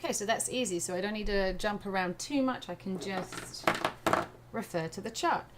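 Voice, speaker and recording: A woman from England, whose accent blends English and American, hosts a live art tutorial and casually thinks aloud. Her voice is medium in pitch at a moderate pace, and there is noticeable background noise.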